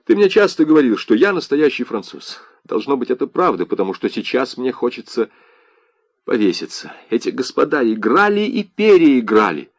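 A man's voice: mid-range voice, big pitch swings, moderate pace, dry recording, studio quality. A man reading an audiobook voices a bitter, despairing soldier just back from a lost war. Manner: bitter, agitated.

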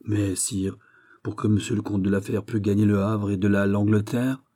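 A man reading an audiobook, voicing a grave, loyal musketeer captain who answers calmly and firmly. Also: fairly low pitch, normal speed, lightly acted. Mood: defiant. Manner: calm, firm, quietly defiant.

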